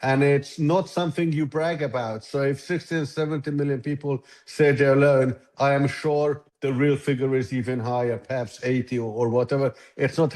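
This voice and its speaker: A man's voice: medium pitch, darkish tone, poor audio. A Hungarian-born man in his sixties, a tech founder answering interview questions thoughtfully and often restarting his sentences. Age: 60s. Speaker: app founder and guest. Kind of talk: conversational interview.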